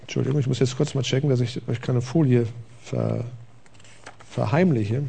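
Gravelly preaching man. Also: medium pitch, moderate pace. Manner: conversational, lively preaching with rhetorical questions. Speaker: pastor. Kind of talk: sermon. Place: church stage.

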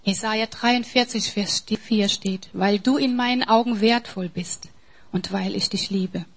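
A woman preaching a sermon in an emphatic way, swinging between soft, near-whispered passages and forceful, raised lines. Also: mid-range voice, unhurried, slightly rough.

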